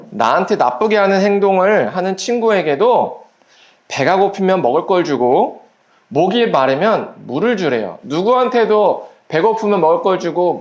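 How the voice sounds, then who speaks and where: A pastor giving a children's sermon at a church service, gently asking the children quiz questions and acting out little voices in the story. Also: medium pitch. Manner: acts out little quoted voices while storytelling.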